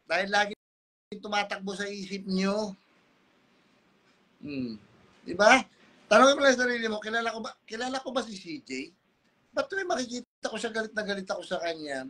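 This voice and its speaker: A man's voice: high voice, pushed and bright. Aggrieved father ranting live. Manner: aggrieved, calling out critics, repeated rhetorical questions. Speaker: livestream host. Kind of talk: ranting livestream talk.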